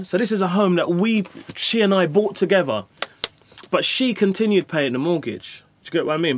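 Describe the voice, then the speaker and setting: Animated man telling a story. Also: high voice, slight background noise. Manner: animated, peppered with "you know what I mean". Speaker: guest. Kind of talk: casual storytelling.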